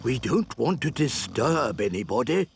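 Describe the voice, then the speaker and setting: A jolly old grandfather pig in a children's cartoon. He has a creaky British voice and takes his time, with noise clearly behind him. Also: medium pitch, very animated, measured pace. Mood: jolly, obliging. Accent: British English. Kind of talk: British preschool cartoon voice acting.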